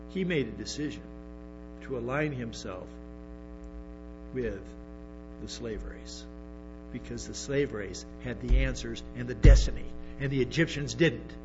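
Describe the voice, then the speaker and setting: A pastor preaches to his congregation in a medium-pitched voice, speaking a little slowly with long pauses. He stumbles through restarts and throws in emphatic asides, captured on a dull lo-fi sermon recording with music and hum.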